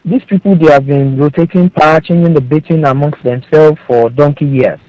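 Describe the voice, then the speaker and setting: A man's voice: on the high side, brisk, dry recording. Man on a glitchy phone line. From Nigeria. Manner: formal, earnest, praising the hosts. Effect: buzzy, glitchy phone line that breaks up. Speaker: caller. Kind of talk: call-in comment on a radio talk show. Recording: tinny phone call, dry and dull.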